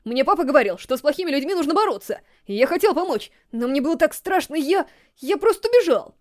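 A woman voicing a frightened young schoolboy who speaks high and urgently, close to tears. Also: animated, quick pace, darkish tone, no echo. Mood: tearful.

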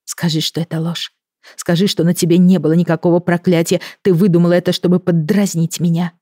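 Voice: medium pitch, level tone, a little fast, warm tone, dry recording, clean studio sound, voice pushed up, close to an everyday voice. A reader voicing an anxious, fiery young sorceress girl in an audiobook, with urgent, pleading questions. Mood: agitated. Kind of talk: audiobook character voice.

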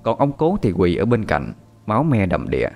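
A man narrating a story in a calm, measured scripted reading. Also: fairly low pitch, gravelly.

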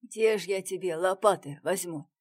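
A woman voicing a gruff, practical male comrade who talks in a brusque, reassuring way in a storybook reading. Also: fairly low pitch, normal speed, natural voice.

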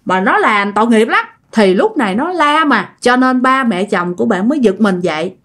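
A woman tells a ghost story in a relaxed, chatty way. Her voice sits fairly high, and she keeps turning to address her listeners directly. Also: moderate pace. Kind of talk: casual ghost story narration.

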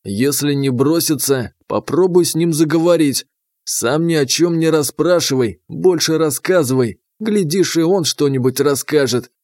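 A shrewd court official speaks in a sly, sardonic tone, as a male narrator plays him. He is calm and a touch high, and the recording is close and dry. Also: unhurried, no room sound, close to an everyday voice.

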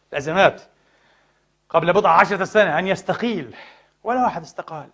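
A man preaching a sermon lesson, addressing the brothers with rhetorical questions and swinging between loud outbursts and quiet asides. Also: high-pitched. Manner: impassioned, rhetorical questions to the audience.

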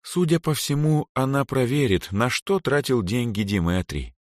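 A man voicing a shy soft-spoken girl. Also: mid-range voice, expressive, moderate pace, no echo, clean studio sound, pitched above the performer's own voice, natural voice. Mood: thoughtful. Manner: soft, quiet, reflective. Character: shy, thoughtful young girl.

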